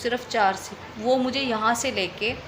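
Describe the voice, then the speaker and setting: Young woman from delhi, high voice, chatty vlog story, repeats herself a lot, bit of faint noise behind. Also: moderate pace. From Delhi, India. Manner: chatty, repeats phrases for emphasis. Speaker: vlogger. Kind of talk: casual personal storytelling.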